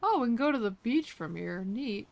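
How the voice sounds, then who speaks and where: A woman's voice: on the high side, very animated, moderate pace, vocal fry. A woman streaming a video game, making wry, casual asides with some swearing. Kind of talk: casual live game commentary. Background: game music.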